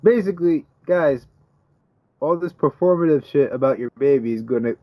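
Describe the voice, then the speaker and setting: A man's voice: on the high side, moderate pace, no room sound, dull audio. A man co-hosting a podcast in rambling, wry casual chat full of fillers. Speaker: podcast co-host.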